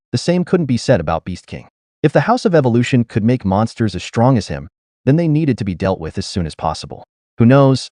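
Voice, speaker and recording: A man narrating a fan-written story in a scripted, expressive reading. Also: lowish voice, no room sound, clean studio sound.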